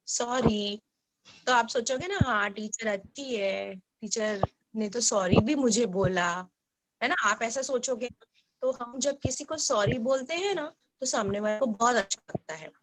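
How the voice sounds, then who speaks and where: A woman teacher giving an online lesson to young children, explaining gently and asking them questions. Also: a little high, low-quality recording. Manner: acts out short dialogue lines.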